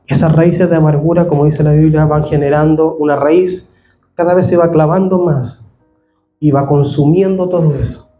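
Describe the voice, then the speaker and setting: A pastor preaches in an earnest way, and his appeals grow fervent as he builds. His voice sits high but sounds mellow, and it echoes around a roomy church hall. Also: fairly even intonation, normal speed, highs cut off, faint music behind. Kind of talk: sermon.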